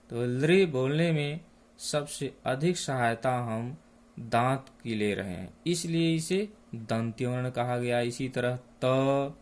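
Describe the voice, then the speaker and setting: A man teaching a class lesson, speaking slowly and deliberately and lingering on each sound. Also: mid-range voice.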